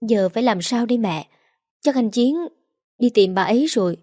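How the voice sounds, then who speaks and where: A woman's voice: fairly high pitch, normal speed, a little mellow, dry recording, studio quality, close to an everyday voice. Woman reading as an anxious young wife.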